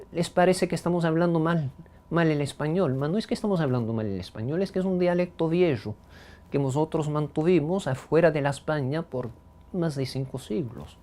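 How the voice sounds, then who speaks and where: A man from the Bronx, speaking with a Ladino-speaking New York accent, tells his life story in an interview at his home, pausing often with "eh" as he thinks. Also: on the high side, a little mellow. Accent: Ladino-speaking New Yorker. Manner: thoughtful, with frequent "eh" pauses.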